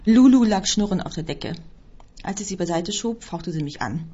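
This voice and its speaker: A woman reading a first-person story aloud as scripted narration, with a husky voice. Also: mid-range voice, expressive, moderate pace, mellow. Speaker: audiobook reader. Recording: dull lo-fi recording.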